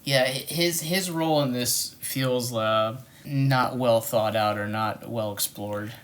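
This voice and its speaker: A man's voice: mid-range voice, slow pace, a bit bright. A man co-hosting a film review, talking in casual, hesitant chat with lots of filler words.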